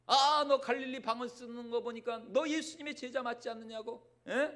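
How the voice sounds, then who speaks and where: A man's voice: very high voice, fairly even intonation, normal speed, a bit bright, voice pushed up. A male pastor voicing a young servant girl sharply accusing someone.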